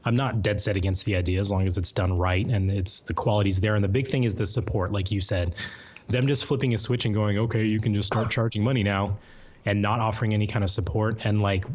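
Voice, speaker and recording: Measured man giving long, hedged answers. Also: fairly low pitch, fairly even intonation, a little mellow. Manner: measured, hedging, lots of fillers. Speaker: guest mod author. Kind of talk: casual interview chat.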